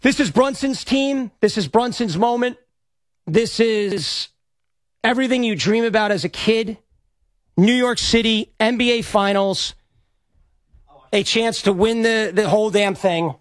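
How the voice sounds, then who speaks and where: Excited by a live game, a male host on studio sports radio rambles, stammers, and repeats himself, his high voice slightly hoarse. He talks a little slowly, and the recording is dry.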